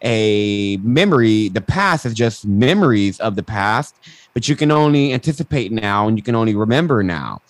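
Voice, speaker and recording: Indoors on an online video call, a coach being interviewed explains his ideas with real emphasis, dropping mild swear words and acting out quotes. He has a lisp and turns r into w, and his low-ish voice has lively intonation at a normal speed. The recording is dry.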